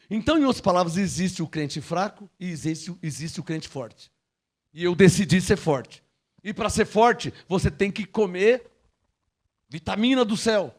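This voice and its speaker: A man preaching a sermon as a pastor, acting out Bible dialogue as he goes. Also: sits high.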